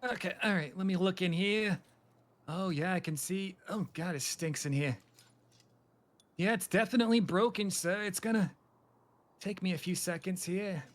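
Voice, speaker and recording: Playing an interviewer in a game roleplay scenario, a man with a high-pitched voice talks at a moderate pace. He's chatty and rambling, slipping into comic bits of panicky yelping.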